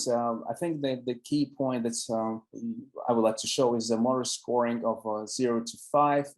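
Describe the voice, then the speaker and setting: A young man, presenting a medical paper on a video call, halting with many fillers and restarts. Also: on the low side, a little mellow, low-quality recording. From Finland.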